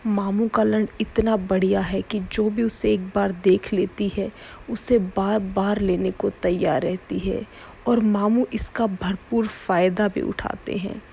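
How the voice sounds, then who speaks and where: A woman reading a first-person adult story aloud in a steady, plain storytelling way. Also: mid-range voice, slow pace, gravelly, a little hiss or hum. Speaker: story narrator.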